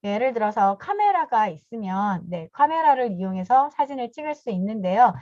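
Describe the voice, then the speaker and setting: A woman in her fifties with a fairly high voice walks teachers through a lesson step by step, politely opening her phrases with a short "yes". The sound is dull, dry video call audio with no room echo. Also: sing-song, moderate pace, dark tone. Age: 50s. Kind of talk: online training talk with screen demo. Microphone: video call mic.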